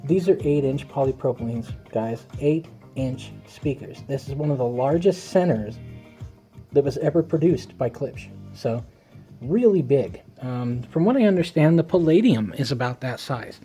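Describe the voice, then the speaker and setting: A man's voice: medium pitch, animated, moderate pace, mellow, faint music behind. A man with toothless, slightly slurred speech, casually rambling through a home audio review in a wry, self-deprecating, irreverent way.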